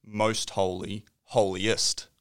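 Low-voiced man teaching scripture casually. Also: takes it slowly, smooth, dry recording, studio quality. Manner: relaxed, teasing, explains with examples. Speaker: podcast co-host. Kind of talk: casual Bible teaching chat.

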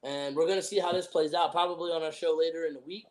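A man's voice: on the high side, steady tone, fast, a little mellow, poor audio. A young man hosting a sports podcast, giving opinions in emphatic, casual frat-bro slang.

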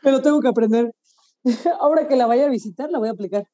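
A woman, a podcast co-host in casual chat, playful and quick to laugh. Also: fairly high pitch, dark tone, highs cut off.

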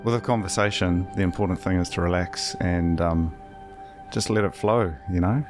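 A man hosting a podcast, interviewing in a relaxed, loose way and swearing casually. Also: low-pitched, normal speed, music in the background. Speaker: podcast host.

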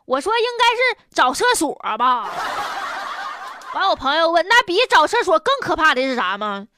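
High, animated Northeastern Mandarin woman host. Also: normal speed, background noise. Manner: blunt, colloquial, opinionated delivery. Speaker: host of a news commentary show. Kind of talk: humorous, colloquial news commentary.

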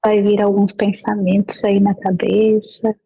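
A woman guides a meditation in a mellow, breathy voice set a little high. A gravelly fry runs under her gentle, unhurried instructions, which come with long pauses between them. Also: flat delivery, poor audio.

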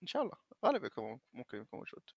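A man's voice: medium pitch, wildly swooping pitch, racing, vocal fry, slightly rough, dry recording. A man, co-hosting a casual chat about video games and dropping in the odd English word. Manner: drops occasional English words into Arabic. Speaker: gaming show co-host.

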